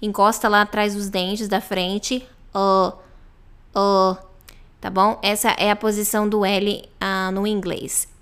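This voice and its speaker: A woman's voice: medium pitch, flat delivery, fairly bright tone, smooth. A young adult Brazilian woman with a Brazilian Portuguese accent, teaching pronunciation on a podcast and repeating each letter patiently. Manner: drawn-out model letters, patient repetition. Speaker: English teacher. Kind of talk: slow podcast pronunciation lesson.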